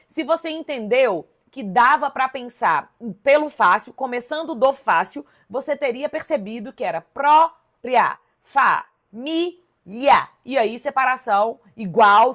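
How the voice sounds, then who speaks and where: A Brazilian Portuguese teacher with a fairly high voice leads a live online class, working through exam questions in a lively, emphatic style. She speaks with a Brazilian Portuguese accent and keeps checking that viewers follow, addressing them directly with "ó" and "tá vendo?".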